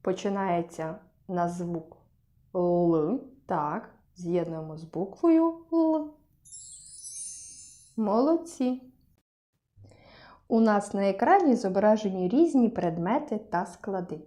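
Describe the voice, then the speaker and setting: A woman teaching a speech lesson to young children, sounding out syllables clearly and praising often. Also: medium pitch, animated, takes it slowly, long pauses, dark tone.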